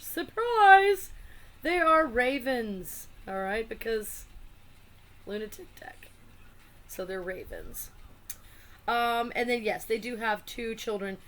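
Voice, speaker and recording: Chatty woman rambling through a card deck. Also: medium pitch. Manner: chatty, rambling, lots of fillers and asides. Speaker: tarot and oracle deck reviewer. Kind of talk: casual deck walkthrough.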